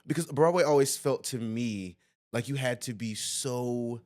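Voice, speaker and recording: An easygoing man, a guest on a podcast, speaks at a middle pitch. He banters confidently and fills his talk with "um" and "you know". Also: a little slow, a little mellow. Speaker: guest, musical theater actor. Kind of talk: casual interview chat.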